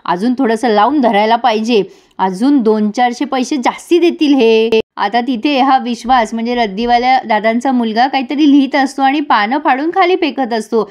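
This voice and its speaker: A woman with a high voice retells a TV serial episode in a casual, chatty way. She drops into the characters' lines with feeling as she goes. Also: normal speed, a little mellow.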